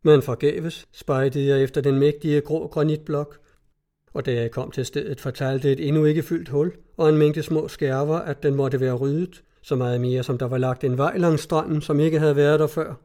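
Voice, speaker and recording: A man reading a literary story aloud in a measured, even storytelling manner. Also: on the high side. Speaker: audiobook reader. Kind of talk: scripted literary narration.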